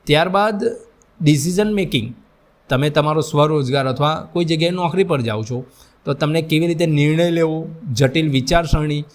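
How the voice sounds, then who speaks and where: A man's voice: fairly high pitch, normal speed. A man giving a lecture on employability skills, addressing his students directly and mixing English terms into his explanations. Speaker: vocational instructor. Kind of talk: classroom lecture.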